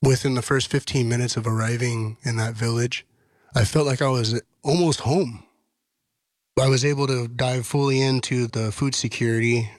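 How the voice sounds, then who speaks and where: A man in his thirties from Washington state, a podcast guest who tells his story in an earnest, measured way. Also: mid-range voice, dry recording, studio quality. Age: 30s. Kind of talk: casual podcast conversation.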